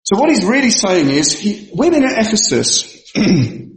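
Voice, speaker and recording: A man preaches a sermon in a church, laying out his explanations emphatically and circling back to repeat the points he cares about. His voice sits high and moves a great deal in pitch. The sound is very reverberant, like a large hall. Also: sing-song, moderate pace. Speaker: pastor.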